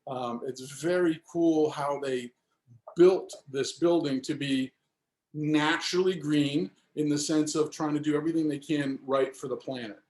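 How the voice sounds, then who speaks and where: Brief: chatty Northeastern sales director, slightly high voice, roomy echo on a video call. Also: male voice, measured pace, darkish tone. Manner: chatty, upbeat, filler-heavy. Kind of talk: webinar presentation.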